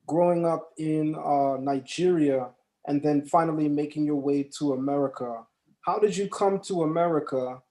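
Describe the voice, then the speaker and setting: A man's voice: fairly high pitch, darkish tone. A man hosting an interview, asking questions in an earnest, respectful way. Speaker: host.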